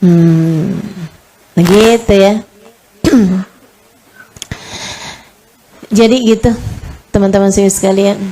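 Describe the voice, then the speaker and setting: A woman's voice: fairly even intonation, slow pace, mellow, a little hiss or hum. A middle-aged woman giving a casual religious lecture, telling stories and acting out dialogues. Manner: casual, chatty, acts out dialogues with pitch swings. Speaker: preacher.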